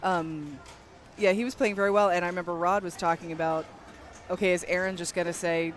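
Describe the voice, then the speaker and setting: A man doing color commentary on a live tournament, easygoing and joking, often chiming in with quick agreements. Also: high voice, steady tone, fairly bright tone.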